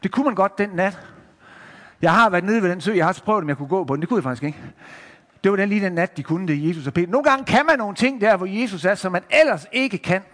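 A man tells a Bible story to children, lively and speaking straight to his listeners as he shows pictures. His voice sits high for a man, and a long hall reverb trails each phrase. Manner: lively, addressing listeners directly, showing pictures.

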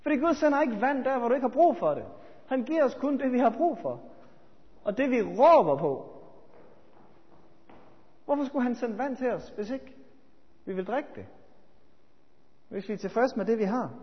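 High-voiced man preaching in reverberant hall. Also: animated, long pauses. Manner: swings from loud urgent appeals to quiet reflective asides. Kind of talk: sermon. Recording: dull sound with long church reverb.

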